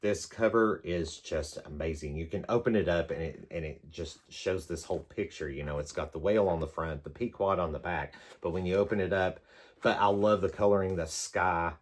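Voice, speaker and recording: Speaking at a normal speed in a low-pitched voice, a man reviews books on his vlog. He addresses the camera casually, meandering and pausing uncertainly while he answers numbered prompts.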